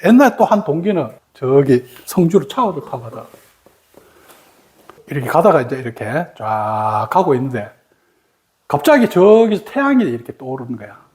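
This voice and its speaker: Middle-aged meditation teacher, dharma talk, swooping lively intonation, mid pitch, animated storytelling, rhetorical questions. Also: moderate pace.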